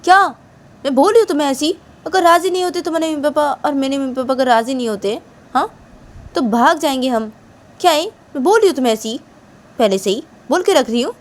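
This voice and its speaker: A woman's voice: mid-range voice, moderate pace, warm tone, lightly acted. A woman voicing an angry young woman who scolds her girlfriend insistently. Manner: scolding, insistent, repeats the name.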